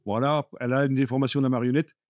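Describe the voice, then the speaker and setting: A man's voice: mid-range voice, steady tone, racing, darkish tone, no room sound. A man teaching a live Photoshop class, explaining steps patiently with many fillers like "euh" and "voilà". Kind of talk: live classroom software lesson.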